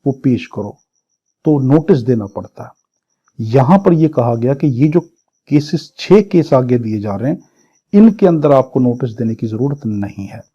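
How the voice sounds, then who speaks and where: A husky, dark-toned man with a mid-range voice, animated yet unhurried, teaches an exam-prep law lecture in a Pakistani accent. Reading English statute phrases, he explains each point by point, repeating and rephrasing in a didactic manner. The recording is dull and muffled.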